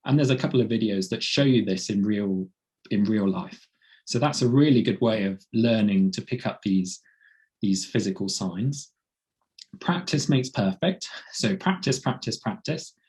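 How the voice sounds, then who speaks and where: A man with a croaky, cold-roughened voice presenting a medical teaching webinar in a plain explaining way. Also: on the low side, a little mellow. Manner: plain explaining, light laughs.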